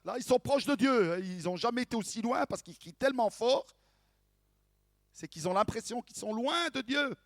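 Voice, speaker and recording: A male pastor preaching a sermon in an animated way, swinging from hushed to loud and asking rhetorical questions. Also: extremely high pitch, normal speed, no room sound, clean studio sound.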